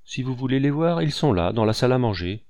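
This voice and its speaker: Give me a brisk, deferential housemaid, as a man puts her on in an audiobook. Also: mid-range voice, big pitch swings, darkish tone, dry recording. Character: polite young housemaid. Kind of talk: audiobook character reading.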